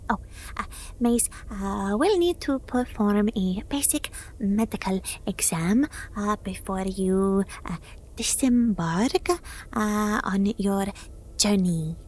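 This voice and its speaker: In a gentle ASMR roleplay, a woman with a mid-range voice plays a friendly alien medic. She whispers often, speaks in a halting, deliberate way, and refers to herself in the third person.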